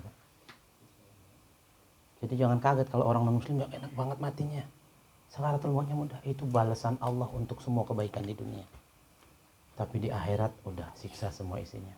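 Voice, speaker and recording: A man giving a neighborhood religious lecture, telling a story with animated, rising peaks and often addressing the listeners as "Pak". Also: lowish voice, slight background noise. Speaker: ustadz. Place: community gathering room.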